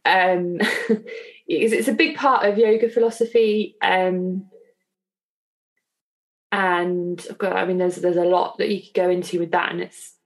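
A woman with a fairly low voice co-hosts a podcast. She talks in a reflective, unhurried chat, trailing off and circling back with fillers as she thinks. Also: fairly even intonation. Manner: thoughtful, hesitant, many fillers. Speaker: podcast co-host.

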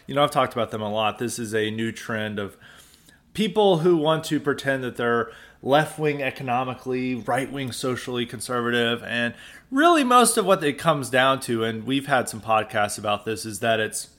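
An American man holds forth alone on his commentary podcast in a mid-pitched voice. He talks loosely, restarts sentences, and leans into a sarcastic, exasperated edge. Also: a bit bright. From United States. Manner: loose, conversational, with frequent restarts. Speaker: podcast host. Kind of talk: solo political commentary podcast.

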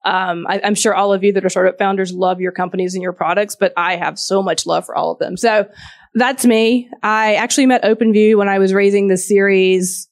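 A woman's voice: medium pitch, fairly even intonation, a little fast, dry recording, clean studio sound. A woman from Georgia with a Southern US accent gives an informal talk as a venture capital partner, chatty and conversational. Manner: chatty, informal, asks audience questions.

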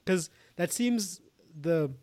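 Podcast host, man originally from Sri Lanka, slightly high pitch, loose rambling delivery, dry close recording. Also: lively intonation, takes it slowly, a little mellow, no echo. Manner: rambling, many restarts and filler words. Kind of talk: casual conversation.

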